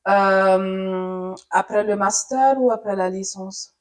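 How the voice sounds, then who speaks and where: Speaking slowly at a medium pitch, an Italian-born woman who speaks Italian recounts her career as a radio journalist in an interview. She is thoughtful and uses many fillers.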